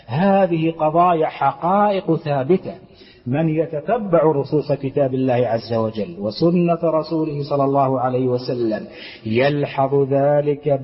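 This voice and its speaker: A man, a sheikh, giving a measured classroom commentary on a book of Islamic law, explaining it step by step and often quoting scripture. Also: medium pitch, breathy edge. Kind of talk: classroom commentary on a religious text. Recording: echoey hall, dull lo-fi sound.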